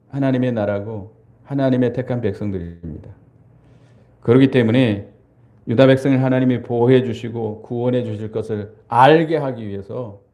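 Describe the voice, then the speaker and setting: A man's voice: mid-range voice, dark tone. An older man, a pastor, preaching a sermon, asking the congregation questions and answering them himself, sometimes acting out frightened crowds in a raised voice.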